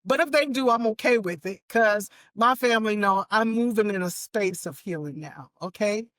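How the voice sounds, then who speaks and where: A woman's voice: mid-range voice, normal speed, fairly bright tone, dry recording. A woman in her fifties hosting a talk show, speaking with earnest emphasis and often checking in with "right?" and "okay?". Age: 50s. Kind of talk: casual chat.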